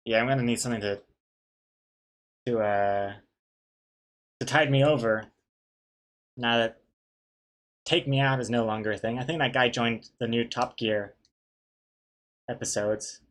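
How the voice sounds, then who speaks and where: A man with a medium-pitched voice talks casually to a livestream, rambling in a playful, easily amused way. He has a speech trait where his R sounds come out like W. The delivery is unscripted and conversational. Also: a little slow, pauses often, a bit bright. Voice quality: cannot pronounce R properly, says w for r. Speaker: comic artist and streamer. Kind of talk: casual livestream chat while drawing.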